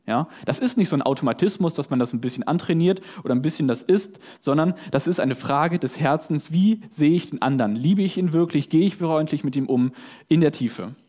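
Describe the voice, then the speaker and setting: A man's voice: on the high side, brisk. A man preaching a conversational sermon, often asking "ja?" and "ne?", and acting out short scenes in his examples. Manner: lively, conversational, acts out voices in his examples; tag questions "ja?" and "ne?".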